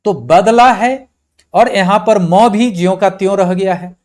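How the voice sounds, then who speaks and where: A male teacher gives a measured, unhurried grammar lecture and breaks each word down letter by letter. His voice sits somewhat high for a man, and he speaks, repeating points patiently. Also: a little mellow. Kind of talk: slow blackboard-style lecture.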